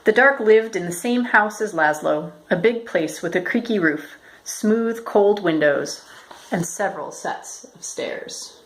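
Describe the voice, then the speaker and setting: A woman reading a children's picture book aloud as a storyteller, in a measured, expressive way. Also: medium pitch, slight background noise, low-quality recording. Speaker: storyteller, educator.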